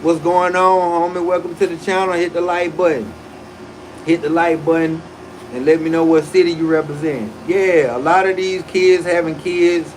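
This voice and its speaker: A man's voice: a little high, slight background noise, poor audio. Man in his forties, loose slangy talk. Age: 40s. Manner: loose, profane slang with frequent restarts. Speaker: livestream host. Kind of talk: casual livestream commentary.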